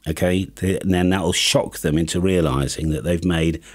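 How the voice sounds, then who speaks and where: Speaking at a moderate pace with fairly even intonation, this low-voiced British presenter in his fifties delivers a playful, chatty comic monologue to camera. He runs a YouTube ham radio channel and records from a small home studio lined with acoustic panels, using a studio microphone on a boom arm.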